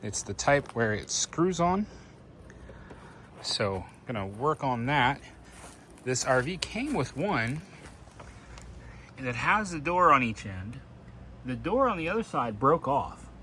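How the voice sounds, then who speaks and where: A man's voice: medium pitch, sing-song, slow pace, pauses often, bright, forceful tone. Casual man vlogging, with some background noise. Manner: informal, self-narrating, thinking aloud. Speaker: RV living vlogger. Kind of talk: casual first-person vlog chat while doing chores.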